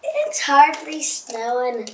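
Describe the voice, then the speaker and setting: High-pitched, slow young voice in echoey room. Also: a bit bright, slight background noise. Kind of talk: scripted phone conversation, casual. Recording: echoey room, distant from mic.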